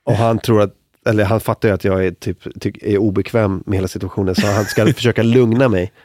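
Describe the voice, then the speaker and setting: A man, a comedian guest telling a long anecdote in casual chat, animated and mimicking other people's voices. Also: fairly low pitch, no echo, clean studio sound. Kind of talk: casual storytelling.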